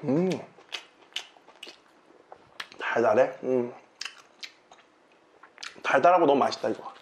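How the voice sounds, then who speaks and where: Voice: mid-range voice, normal speed, a little hiss or hum. A mukbang host chatting casually with a mouth full of food, humming between bites. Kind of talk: casual chat while eating on camera.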